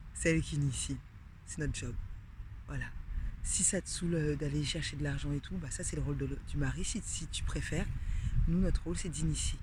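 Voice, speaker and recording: A woman's voice: low voice, background noise. A woman coach talking casually to camera, addressing the viewer directly with many fillers and sometimes dropping to a whisper. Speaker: sex and couples coach. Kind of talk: casual advice vlog to camera.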